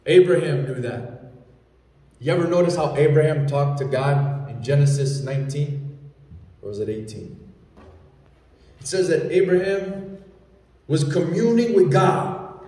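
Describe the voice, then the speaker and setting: A man in his thirties preaching a fervent sermon into a handheld mic in a large church hall, building to shouts at the high points. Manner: fervent, rising to shouts at climaxes. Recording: echoey hall, from far off.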